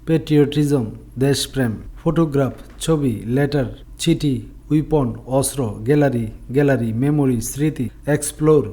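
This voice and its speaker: Guy reading out vocab words one by one, warm dark voice, steady recital. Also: mid-range voice, moderate pace. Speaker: vocabulary teacher. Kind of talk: reading a word list with translations.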